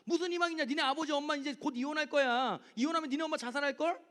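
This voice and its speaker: Guy doing a mean mocking devil voice, high and jeering. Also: rapid-fire, a bit bright. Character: taunting male devil, sneering and cruel.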